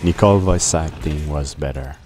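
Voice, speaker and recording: A man giving live reaction commentary and critique over gameplay, pausing to analyze, then repeating words in bursts of mock outrage. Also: very deep voice, background noise. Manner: deliberate, analytical critique with pauses. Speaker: video game reviewer.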